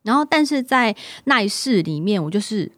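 Animated woman telling a story. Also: medium pitch, moderate pace, no room sound. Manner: animated storytelling, acts out dialogue, laughs. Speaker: podcast co-host. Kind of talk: casual chat.

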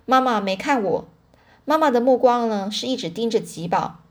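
A woman reading a children's novel aloud in a chatty way, pausing to explain words and correcting herself. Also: a little high, expressive. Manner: pauses to explain words to listeners; chatty fillers, self-corrections. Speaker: storyteller.

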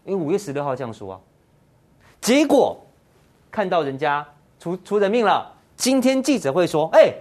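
A man hosts a political commentary show in Mandarin with a Taiwanese accent. His delivery is sarcastic and combative, full of mocking rhetorical questions. His pitch swings widely and lively from phrase to phrase. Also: normal speed, pauses often. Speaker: political talk show host.

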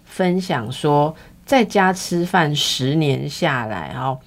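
Low, gravelly woman host. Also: expressive, takes it slowly. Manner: chatty, frequent "ha" tags, probing questions. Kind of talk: casual interview chat.

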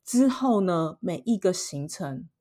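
A woman's voice: lowish voice, measured pace. A woman speaking Mandarin with a Taiwanese accent, co-hosting a casual podcast. She tells her stories with lots of energy, acting out quotes and laughing between them. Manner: animated, acts out quotes, laughs often. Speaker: podcast co-host. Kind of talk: casual chat, storytelling.

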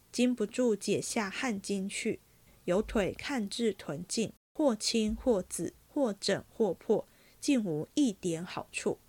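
A medium-pitched woman hosts a podcast where she reads a classic novel aloud, telling the story in a steady, measured way.

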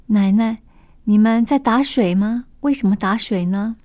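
A woman voicing a dim-witted, greedy male pig monk who blurts and shouts in a storytelling radio broadcast. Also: a little high, a little slow, no room sound, close to an everyday voice. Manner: bumbling, shouting in alarm.

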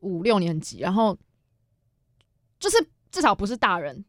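A woman's voice: mid-range voice, normal speed, no echo, clean studio sound. A woman from Taiwan co-hosting a podcast, telling stories in casual chat. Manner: lively storytelling, acts out phone calls, frequent laughter. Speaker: podcast co-host.

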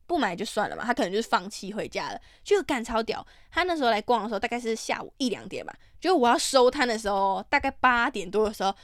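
A young woman with a Taiwanese Mandarin accent tells stories at a rapid clip, her fairly high voice swearing freely and breaking into animated outbursts. The sound is close and dry, with no room around it. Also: no echo. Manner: profane, ranting, animated outbursts. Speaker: podcast host. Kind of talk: casual storytelling monologue.

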